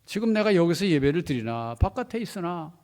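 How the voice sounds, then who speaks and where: Male pastor, sermon storytelling, dramatic loud-soft swings, fairly high, long church reverb. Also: very animated, a little fast. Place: church hall.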